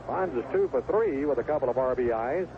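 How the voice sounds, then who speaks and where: Here a man calls live baseball play-by-play from an outdoor ballpark broadcast booth, full of folksy, colorful turns of phrase. His mid-range voice runs a little fast with lively intonation. It comes through as a tinny, noisy 1970s AM radio broadcast.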